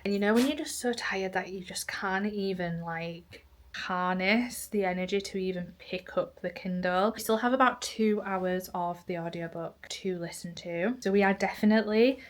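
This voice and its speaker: A woman's voice: mid-range voice, moderate pace. A young woman chatting casually in a vlog, filling her talk with "like". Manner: chatty, says "like" a lot. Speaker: vlogger.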